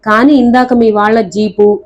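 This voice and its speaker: A woman voicing a clever, quick-witted young woman who scolds and pleads theatrically in a storybook reading. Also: a little high, steady tone, lightly acted. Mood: brisk.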